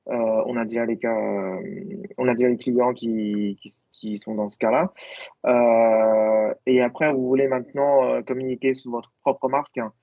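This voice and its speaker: A man whose first language is Chinese speaks over a video call, his voice gravelly and close and dry. He talks haltingly, with frequent fillers. The call audio sounds dull and lo-fi. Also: medium pitch, little pitch movement, no echo. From China. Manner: hesitant, many fillers. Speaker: guest speaker, agency founder. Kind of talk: webinar presentation.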